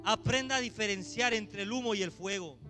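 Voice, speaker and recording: Man, pastor, very high voice, fiery sermon, guitar music underneath. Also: fairly quick. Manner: swings from hushed asides to shouted exhortation.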